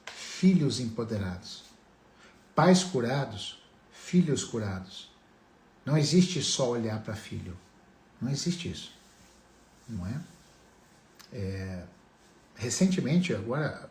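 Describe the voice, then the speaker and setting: A man speaks as a therapist giving a motivational talk, pressing his points with emphatic rhetorical questions to his listeners. His voice sits in a middle pitch range. The recording carries a noticeable room echo. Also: darkish tone.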